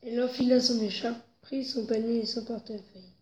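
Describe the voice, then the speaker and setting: Expressive woman storyteller in a roomy space. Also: fairly high pitch, a little fast. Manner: expressive, rising with the story's tension. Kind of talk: reading a children's story aloud. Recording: roomy echo, faint noise.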